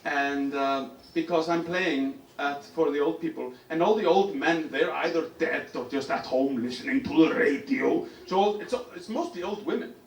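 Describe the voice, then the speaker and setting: A man with an Icelandic accent, a singer-songwriter telling an animated, self-mocking story on stage at a small cafe concert. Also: fairly high pitch, moderate pace, creaky, hardly any pauses. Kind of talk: stage storytelling between songs. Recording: roomy live venue, distant mic.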